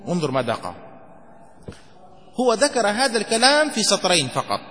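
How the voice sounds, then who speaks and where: High-voiced sheikh teaching in a reverberant hall. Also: male voice, huge pitch swings, pushed and bright. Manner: asks questions and answers them himself, repeats key phrases to memorize; dictates phrases slowly word by word. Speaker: sheikh teaching Shafi'i jurisprudence. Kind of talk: classroom fiqh lesson.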